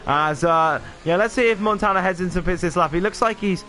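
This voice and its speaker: A man's voice: high voice, brisk, sharp tone. A man commentating a sim racing stream, rambling with lots of fillers and self-deprecating asides. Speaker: lead race commentator.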